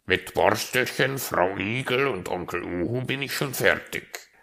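A man voicing a helpful male raven craftsman in a storybook tale, brisk and croaking. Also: fairly low pitch, pushed and bright, pitched above the performer's own voice, full character voice.

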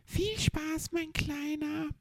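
A man voicing a fussy, motherly hedgehog mother in a children's audiobook, in a high put-on falsetto. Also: steady tone, slow, vocal fry, dry recording, exaggerated voice. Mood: warm. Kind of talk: audiobook character voice.

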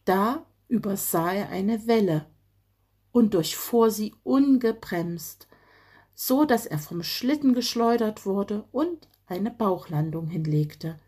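A woman calmly reading a children's story aloud. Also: medium pitch, takes it slowly, slightly rough. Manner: calm, gentle reading.

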